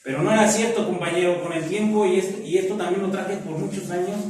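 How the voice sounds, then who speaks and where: A middle-aged Mexican man sharing his testimony at a support group meeting, speaking roughly and with profanity, punctuating nearly every phrase with "¿no?" and "¿verdad?". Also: high voice, steady tone, quick pace, a little mellow, a little hiss or hum. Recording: echoey room, far from the mic.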